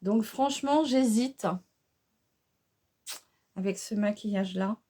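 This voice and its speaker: A woman talks her viewers through an improvised makeup look in a relaxed, mellow voice. She chats along with many fillers and little asides, hesitating over choices and asking the audience what they think. Her pitch sits in a middle range. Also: slow. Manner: excited exclamations over the colors. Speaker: beauty vlogger. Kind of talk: casual makeup tutorial chat.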